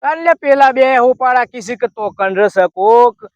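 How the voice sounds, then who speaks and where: Brief: high-voiced, tired, grumbling older man lost in a village comedy, lo-fi dry sound. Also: normal speed, dry recording. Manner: weary, complaining, rustic dialect. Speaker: lost invitation carrier. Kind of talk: rustic village comedy sketch.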